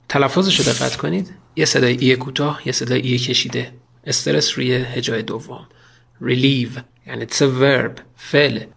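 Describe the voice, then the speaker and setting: A man teaching English vocabulary, explaining in short steps and slowing down to read example sentences. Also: mid-range voice, creaky, fairly bright tone, breathy edge. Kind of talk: vocabulary lesson.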